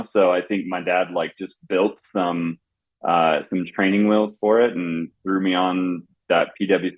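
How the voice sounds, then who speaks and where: Guest, thirties, male, very low voice, relaxed filler-heavy chat, muffled dry audio. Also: no room sound. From Southwest United States. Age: 30s. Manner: easygoing, with fillers. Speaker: podcast guest. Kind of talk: casual interview chat.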